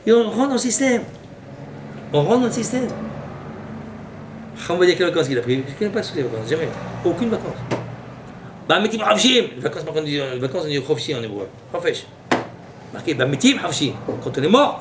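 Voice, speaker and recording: A man giving a lively sermon as a rabbi, telling anecdotes with sudden exclamatory outbursts. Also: brisk, pauses often. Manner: animated, exclamatory storytelling with sudden high outbursts. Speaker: rabbi giving a Torah class. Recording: echoey room, voice from far off, noisy.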